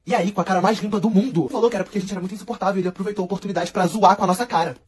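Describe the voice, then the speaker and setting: A teenage boy telling a funny school story in an animated, dramatic way. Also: sits high, a little hiss or hum. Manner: animated, dramatic, rapid narration. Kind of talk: fast comic school storytelling.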